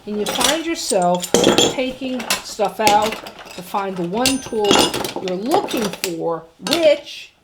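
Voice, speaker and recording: A woman's voice: mid-range voice, expressive, slow pace, very noisy. A woman hosting a DIY tips vlog, talking casually and directly to the viewer with emphatic, instructional delivery. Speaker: host of a DIY tool tips show.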